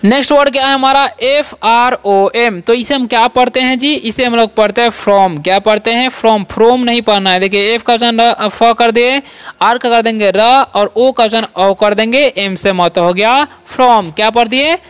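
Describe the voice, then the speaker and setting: A man's voice: extremely high pitch, steady tone, normal speed, fairly bright tone, clear, resonant tone. A man teaching English pronunciation as a channel host, asking questions of his students and answering them himself. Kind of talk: classroom-style language lesson.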